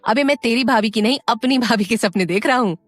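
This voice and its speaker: A woman's voice: fairly high pitch, quick pace, dry recording, soft background music, lightly acted. A woman voicing a lovestruck young man who grumbles bluntly at his friend, in an audio story. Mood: grumbling.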